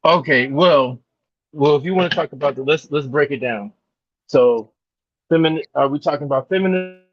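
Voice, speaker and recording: A man's voice: on the high side, moderate pace, no echo. A man chatting casually as a livestream guest, his voice coming through a bad earbud mic that makes it sound muffled and underwater. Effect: muffled, underwater-sounding audio from bad earbuds mic. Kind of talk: casual chat. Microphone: earbuds over a call. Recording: dull, muffled call audio.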